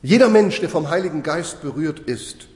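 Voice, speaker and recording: Guy preaching a sermon, fairly high voice, slows down hard on key words, big echoey church sound. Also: animated, a little mellow. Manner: emphatic, slowing for stress, asks the listeners rhetorical questions. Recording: echoey hall with long reverb.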